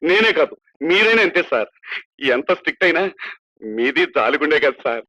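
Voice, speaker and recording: A man's voice: fairly high pitch, very animated, fairly quick, bright, forceful tone, exaggerated voice. An actor playing a humble, kind-hearted prison constable who talks earnestly and deferentially to his boss, in a film drama with a dull, lo-fi soundtrack. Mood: chatty, deferential.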